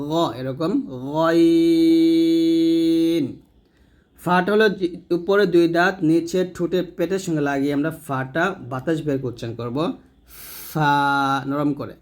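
Male teacher, fairly high voice, patient step-by-step pronunciation lesson, models each sound aloud. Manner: explains slowly, models each letter sound, repeats it. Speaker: Quran recitation teacher.

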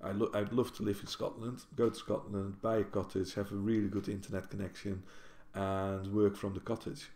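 Talking-head vlog style, a Dutch librarian from the Netherlands (Dutch is his first language) rambles casually in his kitchen, often restarting and correcting himself. His low voice stays level and mellow at a moderate pace, picked up by a desk-distance built-in camera mic with roomy kitchen echo.

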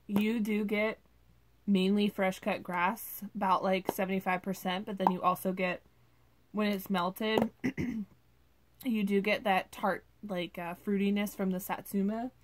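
A woman's voice: medium pitch, steady tone, a little slow, slight background noise. A woman vlogger casually reviewing wax melts at home, chatty and gushing, with many ums and likes.

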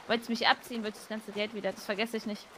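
A woman's voice: fairly high pitch, little pitch movement, rapid-fire, fairly bright tone. A woman playing a suspicious young homeless woman who complains and refuses to trust, in a game roleplay. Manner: distrustful, pouty complaining.

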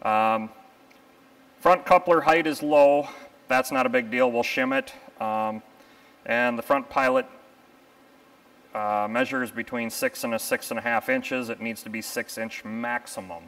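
With a mid-range, expressive, somewhat bright voice at a measured pace, a man in his thirties explains locomotive repair work. He's matter-of-fact and technical, with frequent ums and uhs, and the low-quality audio comes from a lapel mic in a machine shop.

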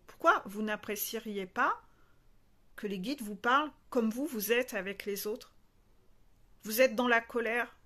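A woman's voice: a little high, a little slow, long pauses, bright, forceful tone. A woman spiritual coach talking frankly and animatedly to her viewers, acting out little scenes along the way. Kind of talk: casual monologue to viewers.

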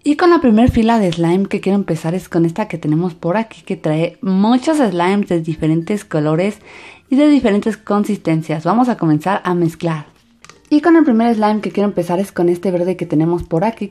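Sing-song woman, soft mellow tone, music behind. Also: lowish voice. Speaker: host of a slime craft channel. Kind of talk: hands-on craft narration for children. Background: background music.

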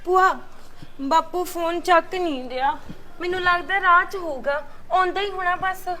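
An actress playing a gentle young daughter in a Punjabi village drama, soothing and coaxing with a Punjabi accent. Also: female voice, very high-pitched, unhurried, slight background noise, full character voice.

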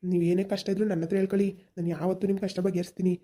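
This woman voices a kind young village man for a cartoon, pressing on insistently and reassuringly over another's worries. She speaks rapid-fire with a fairly low, mellow pitch that barely moves, close to her everyday voice.

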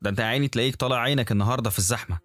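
A man voicing a gentle, caring young wife with an Egyptian Arabic accent, lifting his voice higher and speaking softly. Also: racing, no echo, soft background music, lightly acted. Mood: tender. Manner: soft, affectionate, raised pitch.

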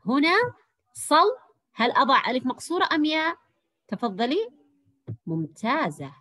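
A woman teaching a lesson to young girls, praising each answer and sounding out words slowly. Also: high-pitched, big pitch swings. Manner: warm praising teacher, drawn-out encouraging words. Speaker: primary school teacher. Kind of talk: online Arabic language lesson for young girls.

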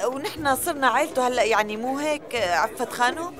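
An actress dubbing a drama in Syrian Arabic, playing a bustling middle-aged hostess who welcomes wedding guests. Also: female voice, sits high, fast talker, natural voice. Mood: welcoming. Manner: hospitable, bustling. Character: welcoming mother of the bride hosting a wedding. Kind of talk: dubbed TV drama. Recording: music and crowd chatter. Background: wedding music and guests.

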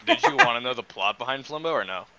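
A man's voice: mid-range voice, huge pitch swings, fast, bright, forceful tone, poor audio. A man co-hosting a stream, joking and defending himself in casual banter. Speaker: co-host on stream.

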